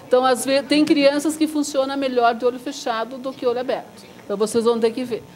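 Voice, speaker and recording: A woman teacher leading a live Suzuki violin workshop, lively and demonstrative, chanting body parts in rhythm with the group. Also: fast talker. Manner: lively and demonstrative, drops to a soft low voice to make a point. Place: workshop room with a group of students.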